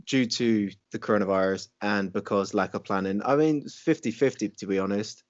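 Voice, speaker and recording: Co-hosting a podcast, this young man from Wales rambles through casual chat full of ums and restarts, in an accent blending English, American and Welsh. His lowish voice runs at normal speed, and the audio lacks high frequencies.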